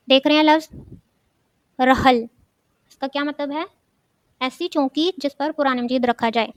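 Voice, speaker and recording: A woman's voice: high voice, no room sound. A woman teaching a children's religious studies lesson, asking questions and then answering them herself, often repeating key words.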